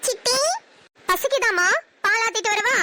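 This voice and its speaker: A woman's voice: very high-pitched, moderate pace, background noise. A woman with a Namakkal Tamil accent voicing a playful, bossy young wife who chats and banters in a cartoon. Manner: chatty, bantering. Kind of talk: cartoon voice acting.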